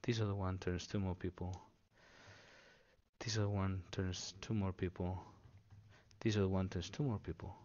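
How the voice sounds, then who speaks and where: A man explaining things simply for children, unscripted, in short halting phrases with pauses, on a dull lo-fi recording. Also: low voice, little pitch movement, darkish tone. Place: indoors at a table.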